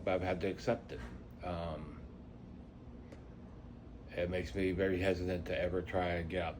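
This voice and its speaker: A middle-aged man talking reflectively and unscripted to viewers, his articulation slurred by missing teeth and a speech impediment, rambling with halting pauses. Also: low voice, noisy background. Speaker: vlogger introducing a channel.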